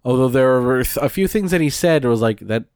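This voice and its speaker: A man's voice: medium pitch, lively intonation, a little fast, darkish tone, clean tone, no room sound. Chatty man, dry close podcast sound. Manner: chatty, laughs often, quotes himself in asides. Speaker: podcast host. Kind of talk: casual podcast chat.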